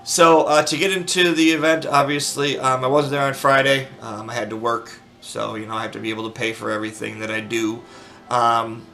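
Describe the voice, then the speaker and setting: Bright-voiced man rambling in a casual vlog. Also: medium pitch, little pitch movement, brisk. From Arizona, US. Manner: rambling, with many fillers and restarts. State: sleep deprived. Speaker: gaming video creator.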